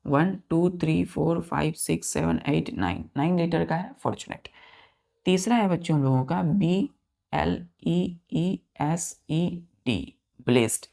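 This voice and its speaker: During a vocabulary lesson, a gravelly-toned man on the high side, expressive and darkish in tone, spells each word letter by letter and counts aloud. He frequently speaks directly to the students and slowly repeats key words, drawing out their pronunciation.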